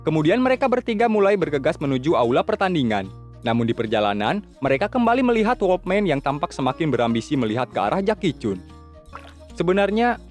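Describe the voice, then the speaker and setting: Male storyteller, storybook narration, fairly high voice, faint music.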